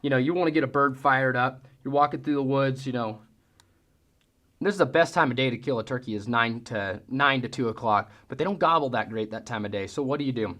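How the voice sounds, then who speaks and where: Folksy and casual, a hunting-call teacher walks through a how-to, mimicking sounds vocally to demonstrate. He speaks fairly quickly in a medium-pitched, slightly bright voice.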